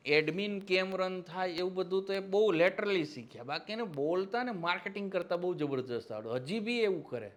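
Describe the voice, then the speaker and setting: A male history lecturer with a fairly high voice, teaching an exam-prep class. He talks in a teasing, mocking way, slips satirical asides into the lesson and keeps asking for agreement.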